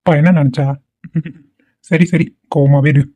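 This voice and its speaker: An easygoing cartoon dad, voiced by a man, talking fast in a mellow, slightly raised voice. He teases and lectures his wife without heat. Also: a little high, natural voice. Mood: teasing. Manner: calm, teasing, lecturing. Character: easygoing middle-aged father indulging his son.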